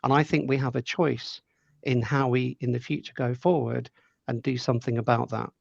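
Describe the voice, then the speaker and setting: A middle-aged podcast guest with a mid-range, slightly gravelly voice answers interview questions conversationally, setting out his views in a measured, thoughtful way and often doubling back on words as he thinks. His intonation is fairly even, and the sound is dry and a little dull, with no echo or room around it.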